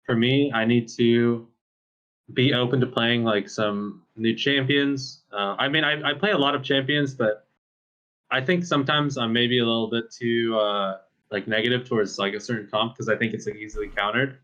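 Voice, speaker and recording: Bright-voiced young man, chatty gamer. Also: mid-range voice, steady tone, normal speed, muffled recording. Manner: casual, filler-heavy, laughs often. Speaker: pro esports player. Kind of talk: post-match interview.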